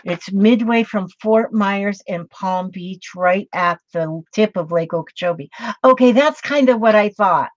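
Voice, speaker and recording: A crafting video host from Minnesota, a woman in her late sixties, speaks at medium pitch and an unhurried pace with no echo. Chatting loosely with viewers while she crafts, she rambles, filling gaps and restarting sentences. The sound is dull and somewhat lo-fi.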